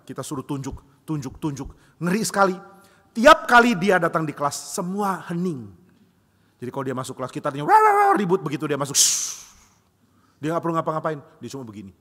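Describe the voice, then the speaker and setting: A man's voice: fairly high pitch, fast talker, big-room sound. A man preaching a sermon in a church, telling humorous stories and acting out the voices of the people he quotes. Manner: animated, acts out quoted voices, jokes. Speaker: pastor. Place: church hall.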